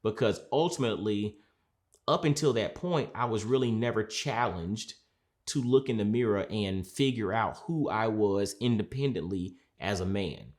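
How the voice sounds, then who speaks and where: Earnest low-voiced man coach. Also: animated, a little mellow. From Georgia, USA. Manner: earnest, measured, repeats phrases for emphasis. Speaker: mindset coach. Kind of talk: reflective sit-down talk.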